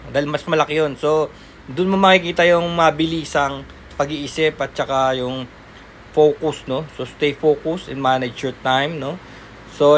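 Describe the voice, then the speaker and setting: A chatty man with a high voice explains things loosely, as a job-application coach. He leans on everyday examples and keeps checking in with quick tag questions. Faint room noise hums under the talk. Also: fairly bright tone.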